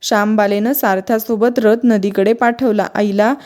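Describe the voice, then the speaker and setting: A woman reading a devotional vrat story aloud in steady, measured short phrases. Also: mid-range voice.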